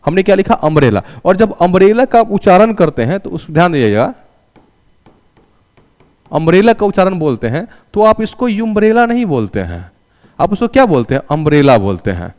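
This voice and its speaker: A man's voice: sits high, big pitch swings, fairly quick, a little mellow, long reverb tail. A male teacher giving a classroom English lesson, asking questions and answering them himself and having students repeat after him. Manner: calls students "raja".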